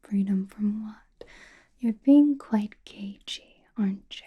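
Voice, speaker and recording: A woman voicing a powerful, mysterious witch in a slow, breathy, intimate ASMR whisper, gently teasing and soothing. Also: medium pitch, highs cut off. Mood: teasing, probing.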